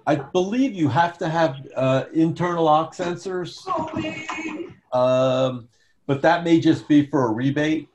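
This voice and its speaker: A man's voice: fairly high pitch, unhurried, a little mellow. A man with a New Jersey accent, chatting as an attendee in a webinar question session. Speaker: audience member, sales representative. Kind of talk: webinar question-and-answer chat. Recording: noisy remote call with clicks.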